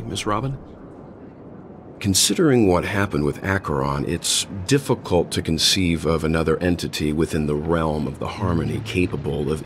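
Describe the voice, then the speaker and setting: Man doing calm thinker type in a game, deep voice, bit of noise behind. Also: lightly acted.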